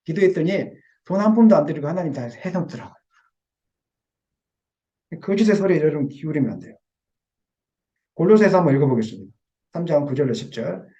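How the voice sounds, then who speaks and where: A male pastor delivers an emphatic sermon in a church sanctuary and speaks straight to his congregation. His voice sits somewhat high but has a dark, mellow tone. The recording is dull and lo-fi. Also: expressive, brisk, long pauses. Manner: emphatic, addresses congregation directly.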